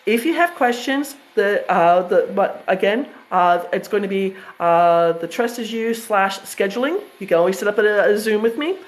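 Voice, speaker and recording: American woman, 50s, mid-pitched, casual rambling presenter who restarts sentences often. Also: lively intonation, moderate pace, hardly any pauses, rough recording. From United States. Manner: chatty, self-interrupting, with frequent fillers and restarts. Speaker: trust educator presenting to investors.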